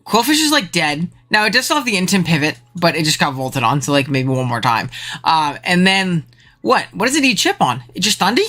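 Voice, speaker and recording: Excitable casual stream commentator. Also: fairly quick, soft background music. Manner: excitable, slangy, voice jumps high when thrilled. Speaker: streamer commentating a video game league.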